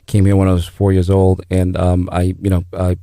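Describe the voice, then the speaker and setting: Halting, gravelly middle-aged man. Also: low-pitched, completely flat delivery, dark tone, no room sound, clean studio sound. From El Salvador. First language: Spanish. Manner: halting, many restarts and fillers. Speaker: guest, business founder. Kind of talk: radio interview.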